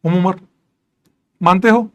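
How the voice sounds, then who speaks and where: Male chemistry teacher, high voice, animated, repeats and quizzes constantly. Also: unhurried. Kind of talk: classroom lecture.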